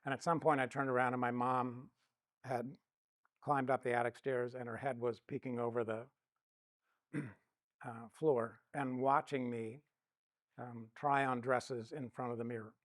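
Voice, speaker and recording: A man's voice: medium pitch, little pitch movement, measured pace, pauses often, no room sound. Man telling stories in a teaching talk. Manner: storytelling, acts out quoted dialogue. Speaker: counseling instructor.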